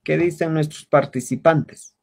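A man teaching an online language class over a video call, patiently repeating words slowly for his students. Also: a little high, steady tone, vocal fry.

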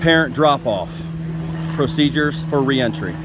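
A man's voice: medium pitch, animated, measured pace, heavy background noise. A young man narrating a school news video as a scripted voice-over, reading instructions plainly and steadily. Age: young adult.

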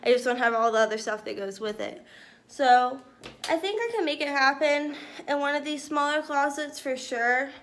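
A woman's voice: sits high, moderate pace, fairly bright tone. Chatty young woman in echoey empty rooms. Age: 20s. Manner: chatty, upbeat, says "cute little" a lot. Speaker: vlogger. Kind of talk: casual house-tour vlog. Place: empty apartment with bare walls. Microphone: handheld phone camera. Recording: echoey empty rooms, faint room hiss.

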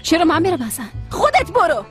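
A woman dubbing a hot-tempered, sharp-tongued young woman in a TV comedy drama, irritable and snappy. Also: very high-pitched, huge pitch swings, soft background music, heavily acted. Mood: angry.

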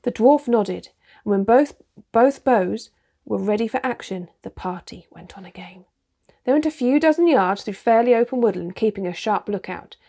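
A woman reading a children's storybook aloud, with steady, expressive narration. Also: on the high side, moderate pace, husky. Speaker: reader.

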